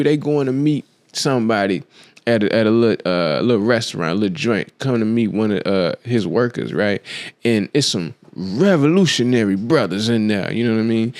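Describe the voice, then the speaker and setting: A man's voice: mid-range voice, no echo. A man hosting his own show, telling a film story in a casual, slangy way and acting out the quotes as he goes. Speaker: podcast host. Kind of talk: casual monologue, film analysis.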